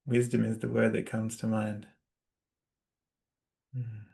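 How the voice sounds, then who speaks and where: Australian man hosting a relaxed interview. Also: on the low side, takes it slowly, gravelly. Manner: warm-hearted, hesitant, with many fillers and laughs. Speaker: podcast host. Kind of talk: casual interview conversation.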